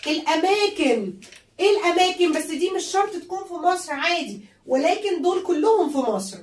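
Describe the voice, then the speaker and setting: A woman's voice: extremely high pitch, expressive, fairly quick, roomy sound, recorded from a distance. A woman with an Egyptian Arabic accent, teaching English vocabulary to young children. She repeats each word again and again and switches between English and Arabic explanations.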